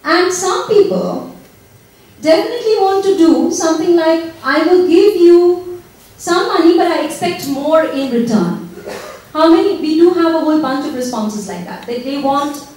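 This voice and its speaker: A woman moderating a seminar audience game, prodding people for answers in a brisk way. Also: very high voice, lively intonation, darkish tone. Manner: brisk, prodding, laughs between questions. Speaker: discussion moderator. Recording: echoey room from far off.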